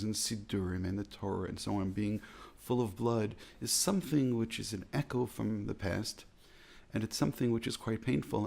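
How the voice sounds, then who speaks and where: This man from the United States delivers a reflective talk as a rabbi, earnest and measured, hammering home his points through repeated phrases. The voice is lowish and darkish in tone, heavily gravelly and husky at the edges.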